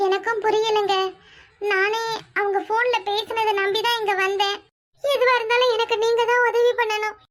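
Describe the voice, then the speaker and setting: A woman's voice: very high-pitched, flat delivery, moderate pace, a bit bright. A woman voicing an anxious, pleading mother in a cartoon who is searching for her missing daughter. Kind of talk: cartoon voice acting.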